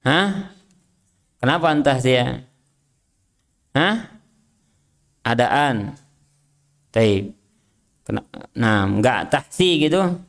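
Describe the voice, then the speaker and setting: Slow, deliberate male religious teacher. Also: medium pitch, animated, vocal fry. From Indonesia. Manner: reads Arabic text then translates and explains; drills students with short questions. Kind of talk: Islamic study lesson, quizzing students.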